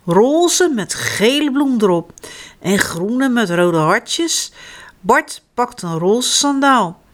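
A woman reading a children's story aloud in a slow, expressive way. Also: a little high.

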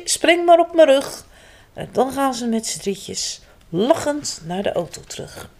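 A woman reading a children's picture book aloud, playing the characters' lines with bright lifts in her voice. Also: a little high. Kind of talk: children's story read-aloud.

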